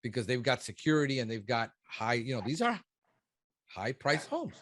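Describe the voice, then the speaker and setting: A man's voice: mid-range voice, very animated, moderate pace, fairly bright tone, dry recording. A man in his fifties, a business consultant, giving blunt and emphatic one-on-one coaching. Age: 50s. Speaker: pest control business consultant.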